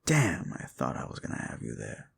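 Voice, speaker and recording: Voicing a brooding, scornful fallen demon in an audio roleplay, a man speaks slowly with a deep, gravelly voice. His pitch swoops wildly, and the performance is heavily acted.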